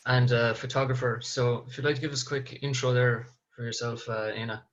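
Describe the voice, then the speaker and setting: A man's voice: mid-range voice, steady tone, fairly quick. A man with an Irish accent hosting a casual podcast interview, on slightly lo-fi audio. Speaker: podcast host.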